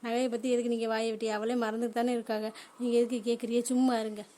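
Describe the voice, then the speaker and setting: A woman's voice: on the high side, little pitch movement, quick pace, mellow, lightly acted. A woman voicing a greedy, scheming wife, in a cartoon drama. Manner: scheming asides.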